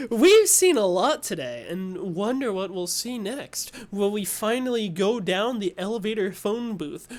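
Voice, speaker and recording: A woman hosting a casual game playthrough, playful and joking, swearing as she wraps up. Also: on the high side. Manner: playful, swears, laughs easily. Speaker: let's play host. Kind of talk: casual gameplay commentary.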